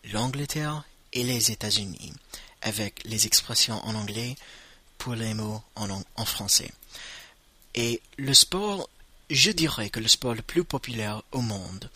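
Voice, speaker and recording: A male language teacher leads a slow, patient vocabulary lesson, pronouncing each word and repeating it so learners can echo him. His mid-range voice is bright, forceful, and husky.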